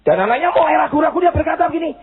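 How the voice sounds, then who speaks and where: A man preaching a dramatic sermon with an Indonesian accent, shouting then dropping to asides and mixing in English phrases, on a lo-fi recording. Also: very high-pitched, lively intonation, very fast. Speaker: pastor. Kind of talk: sermon with acted-out quotes.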